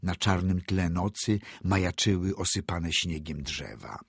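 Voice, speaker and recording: A man narrating classic prose as an audiobook reader, measured and descriptive. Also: low voice, gravelly, slightly rough, no echo, studio quality.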